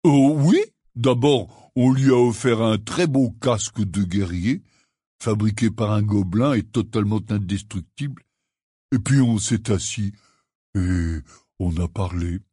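A gruff, kindly half-giant gamekeeper, read by a man spins a rambling, earnest tale in an audiobook. The voice sits low and husky, with a dark, mellow color. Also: a little slow, no echo, clean studio sound. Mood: rueful. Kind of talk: audiobook character reading.

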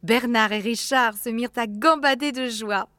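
A woman narrating an audiobook in a lively, animated storytelling voice. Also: a little high, moderate pace, dry recording, studio quality.

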